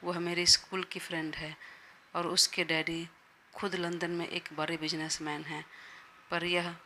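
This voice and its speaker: A woman voicing an irritable young male boss who scolds in a gruff way, in a Hindi audio story. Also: lowish voice, level tone, measured pace, bright, forceful tone, a little hiss or hum.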